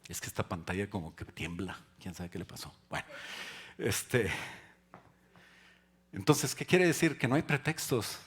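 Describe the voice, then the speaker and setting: Husky preacher who builds to shouting. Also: male voice, lowish voice, sing-song, unhurried, long pauses. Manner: conversational preaching with jokes, rising to shouting emphasis. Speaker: pastor. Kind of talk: sermon.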